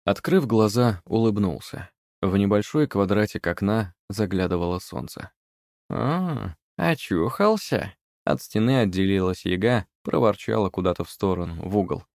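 A male narrator reads a fairy tale in a calm, even manner. His voice sits low. The recording is dry and close, with no room sound. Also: moderate pace, dry recording. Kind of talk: audiobook narration.

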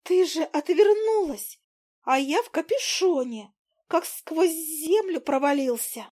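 A shrill, fussing little fly-lady from a storybook, as a woman reader puts her on, her voice pitched up high and slowed into a prim, fretful chirp. She scolds and worries in an animated, fluttering way. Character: fussy tiny female talking fly.

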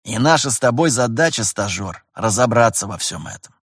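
A man's voice: fairly low pitch, expressive, moderate pace, husky, no room sound, clean studio sound. A man voicing a seasoned male pilot master who lectures a trainee in a folksy, mocking way. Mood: lecturing.

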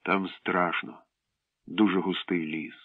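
A man's voice: deep voice, fairly even intonation, no echo. A man voicing an eager, touchy young village boy in a storybook reading. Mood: earnest. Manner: earnest, quick to take offense. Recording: dry tinny phone-like sound.

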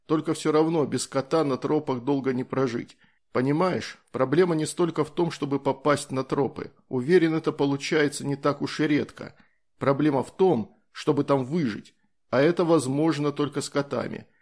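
A man voicing a calm, easygoing soldier in an audiobook, explaining things in a matter-of-fact way. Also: on the high side, normal speed.

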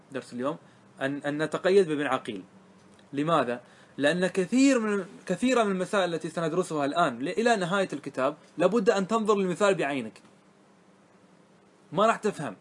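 A man teaching a grammar class to students, often asking them whether it is clear and repeating key words. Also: a little high, rapid-fire. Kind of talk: classroom lesson.

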